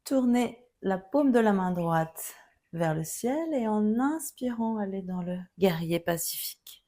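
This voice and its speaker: A woman teaching a yoga class, giving calm, gently guiding cues through each pose. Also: medium pitch, a little slow. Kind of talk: guided yoga instruction.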